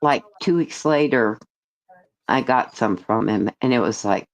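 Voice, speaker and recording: A woman taking part in a casual group chat, teasing and telling stories in a lively way. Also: very deep voice, measured pace, poor audio. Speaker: chat guest.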